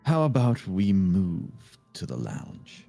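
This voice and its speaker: A smooth demon suitor speaks in a low, mellow voice that rises and falls with flourish, as a man puts him on. His formal, courtly lines come across dry and close. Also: wildly swooping pitch, slow pace, no echo, soft background music, full character voice. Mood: suave. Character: smooth young male demon suitors from a romance game. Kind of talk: live reading of game dialogue.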